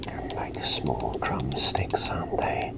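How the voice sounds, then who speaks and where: A man voicing a courteous, inquisitive plague doctor in a soft, repetitive, soothing ASMR whispered role-play. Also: rumbling low, lively intonation, creaky, heavily acted. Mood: playful, soothing. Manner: soft, unhurried, gently repetitive and formal. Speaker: ASMR performer.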